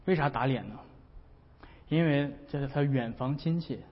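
A man's voice: medium pitch, normal speed. A man preaching a sermon as a pastor, in a chatty, humorous way that often breaks into laughter. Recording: dull recording with long hall reverb.

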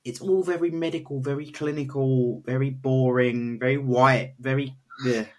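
Young male podcast host, nasal, congested with a cold, medium pitch, casual interviewer. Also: steady tone, normal speed, a little mellow. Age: young adult. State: has a head cold.

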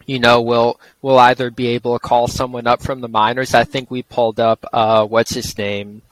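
A man of average pitch speaks. He chats informally as a sports podcast panelist, in an everyday conversational style. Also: level tone, moderate pace, poor audio. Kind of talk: casual sports chat.

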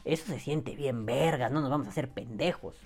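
A man's voice: medium pitch, a little fast, breathy edge, faint music behind. Profane, sarcastic Mexican man ranting. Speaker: podcast host. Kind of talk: casual podcast rant.

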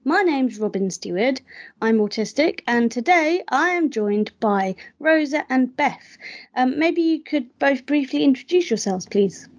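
A woman hosting a podcast interview, asking her questions gently with hesitant pauses. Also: high voice, expressive. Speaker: podcast host.

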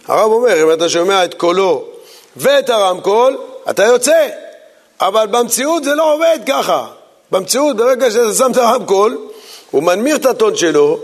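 High-voiced rabbi with a gravelly edge. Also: male voice, long reverb tail. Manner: acts out the people in his stories.

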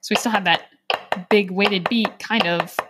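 A woman giving a drum lesson, counting off beats in a calm, explaining way. Loud practice-pad drumming and metronome clicks play right behind her voice. Her pitch sits in an ordinary middle range. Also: unhurried, very noisy. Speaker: drum teacher.

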